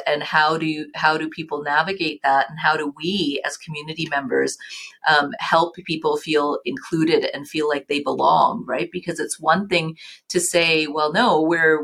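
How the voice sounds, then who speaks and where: A middle-aged woman with a notably low voice speaks as an interview guest. She talks earnestly and casually, circling back with frequent fillers and restarts. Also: fairly bright tone. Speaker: guest, nonprofit chief executive.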